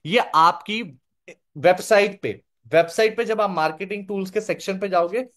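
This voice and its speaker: A man's voice: high-pitched, normal speed, fairly bright tone. A young man giving a live online sales training, repeating his points and checking that listeners follow.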